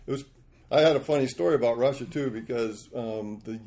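A man in his sixties, a podcast guest, telling rambling, animated stories about his life. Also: mid-range voice, a little fast. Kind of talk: storytelling interview.

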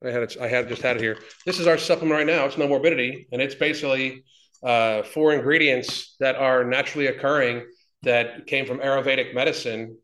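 A man's voice: mid-range voice, fairly quick, fairly bright tone. Fifties guy ranting casual and profane, keeps restarting, echoey room. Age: 50s. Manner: blunt and profane, rambling with many restarts. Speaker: interview guest, fitness business owner. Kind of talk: casual interview talk.

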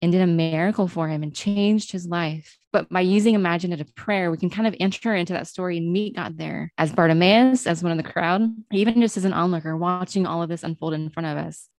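Casting: woman, lowish voice, earnest and questioning, chatty with "like" fillers, dry close sound. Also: fairly quick, hardly any pauses, a little mellow, no echo. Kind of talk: reflective Bible teaching chat.

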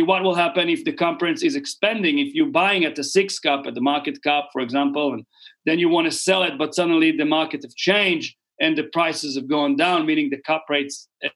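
The podcast guest here is a middle-aged real estate investor with an Israeli accent and a slightly high, somewhat bright voice. He explains things in a chatty, meandering interview style, often repeating words.

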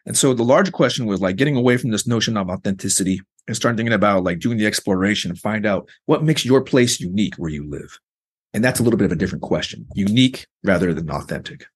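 A man's voice: lowish voice, animated, quick pace, slightly rough. A man, a researcher guest in an interview, explaining his ideas at length with frequent "like" and "you know". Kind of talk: conversational interview.

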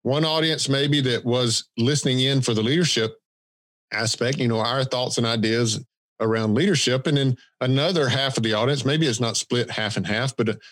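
A man's voice: mid-range voice, moderate pace, a bit bright, dry recording. A man with a thick Southern accent from Georgia, co-hosting a podcast in a casual, folksy, self-deprecating way. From Georgia, United States. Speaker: podcast co-host. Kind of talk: casual conversational podcast talk.

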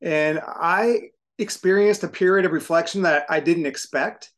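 A man's voice: fairly high pitch, moderate pace, fairly bright tone. Reflective firefighter in his fifties. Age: 50s. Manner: thoughtful, earnest, some restarts. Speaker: podcast guest, firefighter. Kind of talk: reflective conversation.

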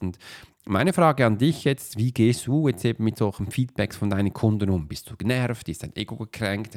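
A podcast host and coach speaks casually at his computer while uploading a video, rambling and filling gaps with lots of filler sounds. His voice is lowish with a darkish tone.

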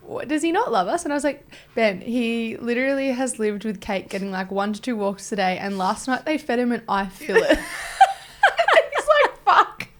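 A woman's voice: a little high, very animated, moderate pace, a bit bright. A young woman, co-hosting a podcast in casual, blunt chat and swearing casually. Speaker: podcast co-host.

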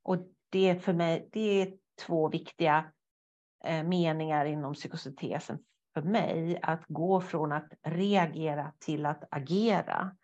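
A woman guest therapist speaking thoughtfully with some hesitations, animated when acting out inner thoughts. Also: low-pitched, lo-fi sound. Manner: thoughtful, hesitant with fillers, lively when quoting inner voices. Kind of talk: conversational interview.

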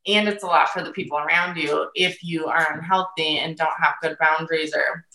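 A woman chatting casually as a podcast guest, expressive and voicing her own thoughts, with a roomy echo. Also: low voice, brisk. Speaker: podcast guest, feeding therapy business owner. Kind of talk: casual interview chat. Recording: echoey, roomy sound.

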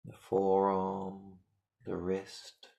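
Slow, gravelly low-voiced man guiding meditation. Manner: calm, repetitive step-by-step instructions, often murmuring "beautiful". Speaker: meditation guide. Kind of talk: guided shamanic meditation.

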